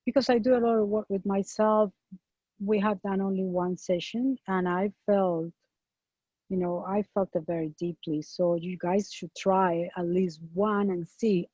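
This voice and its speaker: Upbeat woman interviewer, breathy tone, dry muffled sound. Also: medium pitch, a little mellow, no room sound. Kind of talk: casual interview. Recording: dull lo-fi sound.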